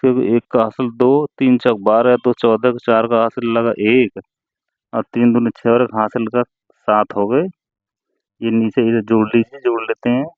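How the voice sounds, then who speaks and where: Man, math teacher, patient step-by-step explaining, mid pitch, dry tinny phone-like audio. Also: no room sound. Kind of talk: chalkboard math lesson.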